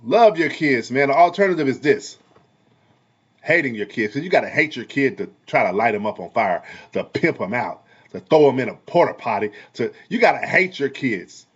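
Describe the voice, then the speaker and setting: A man who is a parent and a barber, talking heatedly in a casual commentary vlog, repeating himself in a preachy way and swinging between loud and soft. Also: medium pitch, animated, normal speed, husky, lo-fi sound. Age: adult parent. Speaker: vlogger and barber.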